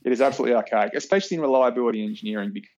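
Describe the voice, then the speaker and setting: A man's voice: medium pitch, racing, darkish tone, highs cut off, a little hiss or hum. A man in his forties with an Australian accent, a guest talking casually and emphatically in an interview. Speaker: podcast guest, reliability engineer with PhD.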